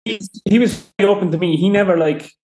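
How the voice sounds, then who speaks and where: A man with an Irish accent, a podcast guest telling fishing stories in a rambling, animated way with many fillers. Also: high-pitched, fast talker, reverberant. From Ireland. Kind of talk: casual chat.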